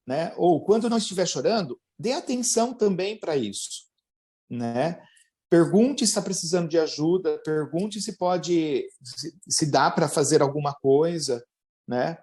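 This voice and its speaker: A man's voice: on the high side, animated, a little slow, a little mellow. A man, a psychologist answering interview questions and explaining at length, often ending phrases with tag questions and acting out everyday quotes. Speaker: psychologist guest.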